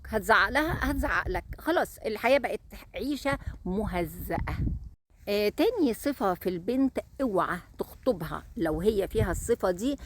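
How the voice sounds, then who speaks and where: A woman's voice: fairly high pitch, background noise. A woman with an Egyptian accent giving marriage advice in an emphatic way, stressing points by repeating words. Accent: Egyptian Arabic. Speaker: relationship advice host.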